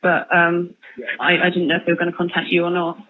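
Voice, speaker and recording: She talks fast in a fairly low voice with a completely flat delivery. The woman, a media interviewer calling an inmate, chats casually and a bit tentatively over a tinny, band-limited phone connection.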